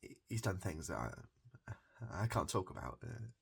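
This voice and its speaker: A British man with a low, soft, breathy voice improvises a comedic ASMR roleplay as a barber at normal speed. He rambles hesitantly with deadpan absurdity, repeating phrases and swearing.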